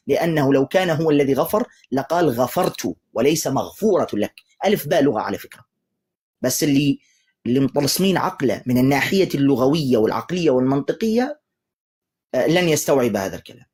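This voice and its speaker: Husky-voiced man lecturing hard in a debate. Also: on the high side, sing-song, quick pace. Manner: forceful, lecturing, interrupts and taunts the caller. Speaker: sheikh hosting a live debate stream. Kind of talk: heated religious debate with callers.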